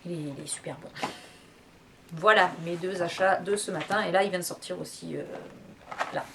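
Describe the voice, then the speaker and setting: A woman's voice: on the low side, noisy background. A woman with a French accent chatting casually about teas she bought, hesitating and restarting often. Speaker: tea vlogger. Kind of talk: casual product review chat.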